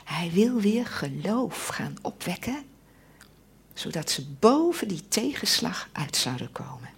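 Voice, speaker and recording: A woman preacher giving a sermon, slow and emphatic, often dropping into an intense whisper. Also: vocal fry, husky. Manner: slow and emphatic, with lively swings of pitch.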